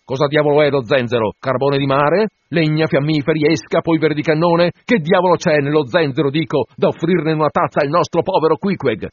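A man voicing an indignant, suspicious ship's mate who rants loudly and mocks others. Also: mid-range voice, expressive, normal speed, husky, no room sound, pitched above the performer's own voice. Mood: mocking. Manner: loud, indignant, mocking rants. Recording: dull dry radio broadcast.

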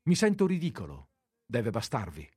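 A man reading aloud and voicing a proud young gentleman who speaks earnestly and pleadingly. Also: medium pitch, wildly swooping pitch, moderate pace, breathy edge, no echo, clean studio sound.

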